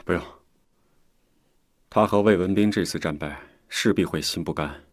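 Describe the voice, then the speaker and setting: An actor playing a calm, stern deputy commander and father, curt and dismissive. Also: low voice, normal speed, dry recording, clean studio sound, close to an everyday voice.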